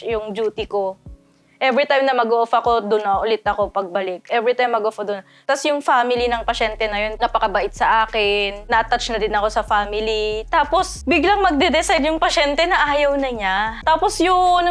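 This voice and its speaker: Chatty woman nurse from the Philippines. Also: a little high. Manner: chatty, mixing languages, laughs often. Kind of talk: casual vlog talk.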